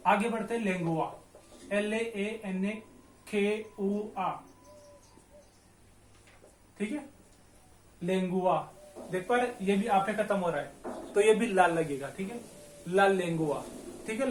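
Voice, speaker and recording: Guy from india teaching a class, pretty high voice, spells stuff out slow and says everything twice, echoey room. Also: a little hiss or hum. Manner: slow and patient, spells words letter by letter and repeats them often. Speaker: Spanish teacher. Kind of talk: classroom-style language lesson.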